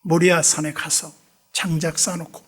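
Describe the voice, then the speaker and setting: A man preaching a revival sermon in a church, telling stories animatedly and acting out both sides of dialogues, dropping to hushed asides. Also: a little high, flat delivery, moderate pace, breathy edge. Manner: drops to hushed whispers for asides. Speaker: pastor. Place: church sanctuary.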